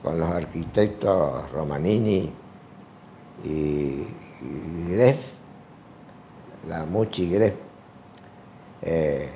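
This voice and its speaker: Older man, low mellow voice, unhurried halting interview answers, faint hiss behind. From Argentina. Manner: slow, halting, with many fillers. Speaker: retired sports teacher.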